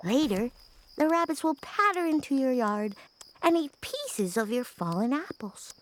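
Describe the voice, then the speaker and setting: A woman voicing a literal-minded female robot babysitter who speaks in stiff, programmed phrases and switches to a gentle voice to read a bedtime story. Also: high-pitched, sing-song, measured pace, slight background noise. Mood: soothing storytelling. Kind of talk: reading a bedtime story aloud.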